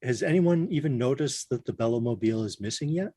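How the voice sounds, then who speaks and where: A man's voice: medium pitch, expressive, quick pace, warm tone, no echo, studio quality. A man playing a tabletop game, hesitantly thinking aloud as he improvises his story in casual talk.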